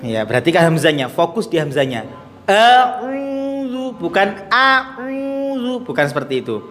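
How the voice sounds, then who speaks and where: High-voiced man teaching recitation, echoing. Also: fairly bright tone. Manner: demonstrates letter sounds slowly, repeating drills. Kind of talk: teaching lesson to children.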